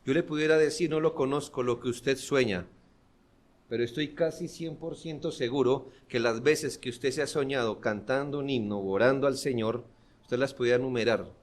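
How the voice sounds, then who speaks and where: A man preaching a sermon as pastor, earnest and building to forceful emphasis. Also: mid-range voice, moderate pace. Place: church.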